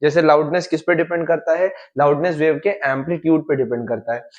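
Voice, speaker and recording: Lively, chatty young male physics teacher. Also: fairly high pitch, muffled recording. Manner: lively, chatty and informal, mixes in English terms and playful asides. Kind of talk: exam-prep lesson.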